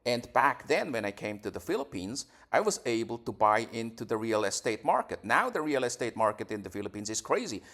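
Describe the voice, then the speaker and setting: The speaker, a forties-aged YouTuber from Switzerland, answers casual interview questions defensively, often repeating words and restarting his sentences. His voice is mid-range and fairly bright, with big pitch swings, a slightly fast pace and hardly any pauses.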